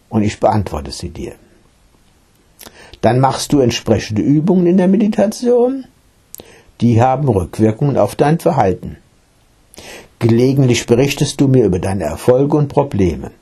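A guy doing a patient meditation teacher, storybook, slow and gentle, warm low voice. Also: sing-song, husky, exaggerated voice. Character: calm, kindly male meditation teacher.

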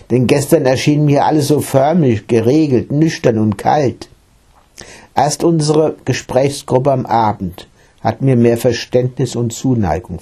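A man's voice: medium pitch, warm tone, breathy edge. A man voicing an earnest young male seeker who eagerly asks his teacher about meditation, in a read-aloud story. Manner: eager, questioning.

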